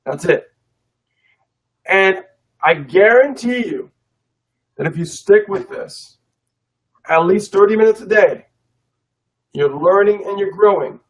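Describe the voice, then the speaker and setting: A man's voice: sits high, animated, takes it slowly, long pauses, far from the mic, low-quality recording. A man co-hosting a live online business webinar, coaching listeners in a casual, emphatic motivational way and repeating his key points.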